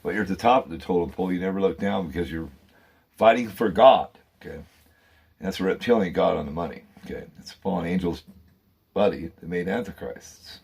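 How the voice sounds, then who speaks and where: A man's voice: low voice, a little fast, gravelly, darkish tone, slightly rough. A man hosting his own channel, delivering a rambling, fervent monologue and calling out to viewers as guys and man. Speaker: channel host.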